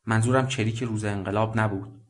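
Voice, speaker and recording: A man voicing a shaken young male fighter in a radio story reading, speaking quietly and hesitantly. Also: lowish voice, steady tone, lightly acted.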